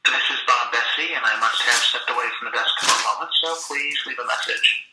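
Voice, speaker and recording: A man's recorded voicemail greeting, heard over a landline phone, brisk and matter-of-fact. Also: medium pitch. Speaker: business owner on voicemail. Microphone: telephone handset. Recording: echoey, noisy landline phone line.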